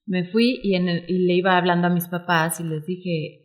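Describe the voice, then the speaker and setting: A woman in her forties with a Mexican Spanish accent, a guest telling her story in an interview, animated and acting out quoted dialogue. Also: fairly low pitch, moderate pace. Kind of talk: emotional personal storytelling interview.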